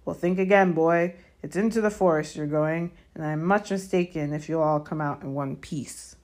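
A woman's voice: deep voice, moderate pace, a little mellow, close to an everyday voice. A woman voicing a spiteful, gloating male caretaker who speaks in a sneering, menacing, colloquial way. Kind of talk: audiobook character voice.

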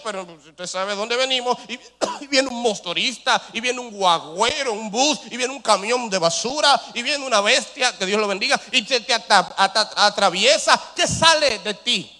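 A male pastor preaching a sermon, asking rhetorical questions and swinging between loud rises and soft drops. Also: extremely high pitch. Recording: long hall reverb.

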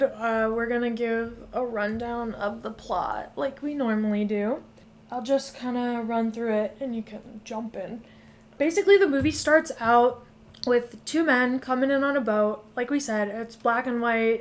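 A woman hosting a podcast, casually recapping a movie plot with loose phrasing and frequent swearing. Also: fairly high pitch. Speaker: podcast host. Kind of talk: casual chat.

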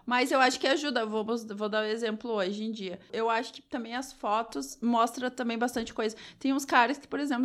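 A woman with a high voice makes her points earnestly in a relaxed group chat. She presses them home by repeating herself. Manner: earnest, insistent, repeats for emphasis. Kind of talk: casual chat.

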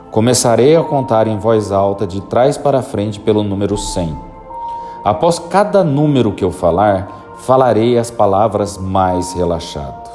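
Using a voice on the low side, a man guides a listener through a hypnosis induction with slow, soothing, repetitive instructions.

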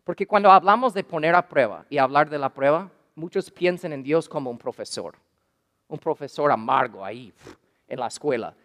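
A man's voice: a little high, lively intonation, moderate pace, fairly bright tone. Man preaching in a reverberant hall. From English-speaking country, learned Spanish as a missionary. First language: English. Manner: conversational, asks the audience questions, sprinkles English words. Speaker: pastor. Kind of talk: sermon.

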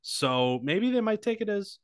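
A man's voice: high-pitched, sing-song, measured pace, clear, resonant tone, dry recording, studio quality. A man co-hosting a comedy podcast, swearing freely and riffing on silly bits in casual banter. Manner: joking, crude, riffs with silly bits. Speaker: podcast co-host.

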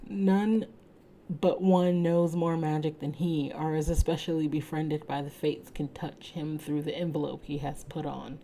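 A woman's voice: deep voice, steady tone, measured pace, mellow, a little hiss or hum, rough recording. A woman voicing an earnest, anxious young Martian woman in a pleading tone, read aloud from a storybook.

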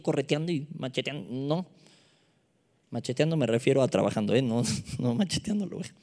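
A man preaches a sermon in a fairly high voice. He keeps it playful, firing off rhetorical questions. The sound carries a long reverb, as in a large hall. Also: darkish tone.

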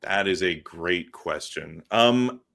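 A young man on a casual podcast, talking in halting bursts with frequent restarts. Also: low-pitched, creaky, a bit bright. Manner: halting, many restarts and nitpicks. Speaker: podcast co-host. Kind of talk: casual chat.

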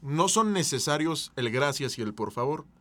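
A man's voice: on the high side, lively intonation, moderate pace, fairly bright tone. A man with a Mexican Spanish accent who hosts a casual chat and playfully acts out everyday scenes to make his points.

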